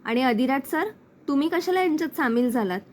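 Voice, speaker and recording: A woman's voice: high voice, lively intonation, a little fast, a little mellow, a little hiss or hum. A woman reading the lines of a bewildered, wronged young husband in a plain recap voice.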